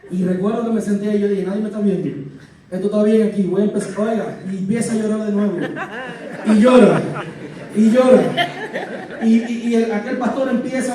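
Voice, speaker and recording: A man telling his testimony, in an animated, chuckling way, with a high but mellow voice. He sounds distant, and the church hall around him echoes heavily. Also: slight background noise. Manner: animated storytelling, chuckling, dramatic sound effects. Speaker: church member giving testimony. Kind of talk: emotional personal testimony. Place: church sanctuary.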